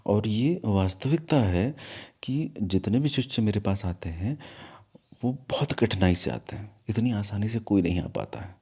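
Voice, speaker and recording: Animated low-voiced man, guru telling a story. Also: normal speed, husky. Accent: Hindi, from north India. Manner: animated, scolding at times. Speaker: guru of an ashram. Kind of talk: storytelling in an interview.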